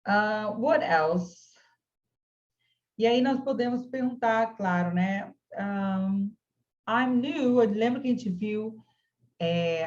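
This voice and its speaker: A woman's voice: mid-range voice, darkish tone, muffled recording. A woman teaching an online English class, patiently modeling phrases for her students.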